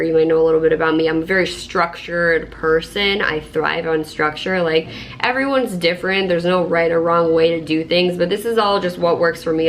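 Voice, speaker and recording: A woman vlogging casually to camera with a sick, slowed-down voice, chatty and full of filler words. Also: fairly low pitch, a little hiss or hum. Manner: chatty, lots of "like" fillers, self-described structured. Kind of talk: casual vlog talk to camera.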